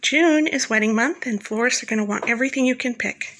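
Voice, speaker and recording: Calm woman narrating a month-by-month guide. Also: fairly high pitch, a little fast, rough recording. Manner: calm, instructive, talks directly to the listener. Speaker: flower farmer and channel host. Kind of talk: scripted voice-over narration.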